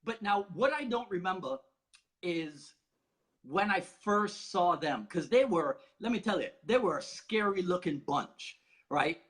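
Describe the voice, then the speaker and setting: A Barbadian man with a notably high-pitched voice hosts a relaxed, casual conversation. He's animated and chatty, laughing often while telling his stories, yet keeps a measured pace.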